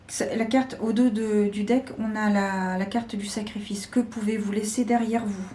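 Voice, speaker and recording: A woman giving a slow, deliberate weekly tarot guidance, with frequent pauses and hesitations. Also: medium pitch, steady tone, mellow, a little hiss or hum. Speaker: tarot reader.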